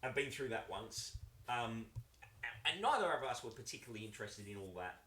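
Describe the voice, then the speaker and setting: Middle-aged man, quick rambling host, echoey studio sound. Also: mid-range voice, lively intonation, bright, forceful tone. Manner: rambling, restarts often, chatty. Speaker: show host and band member. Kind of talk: casual chat over drinks. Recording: roomy studio echo.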